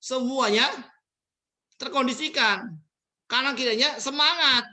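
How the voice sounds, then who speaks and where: Middle-aged man, high bright voice, animated motivational speaker. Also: measured pace. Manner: animated storytelling, acting out quotes, laughing often. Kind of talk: lively motivational talk with acted anecdotes.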